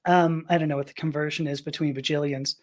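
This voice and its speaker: A woman's voice: deep voice, steady tone, fast talker, darkish tone. A middle-aged woman from Los Angeles, a podcast guest telling a personal story in a rambling, emotional way with restarts and laughter. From Los Angeles, USA.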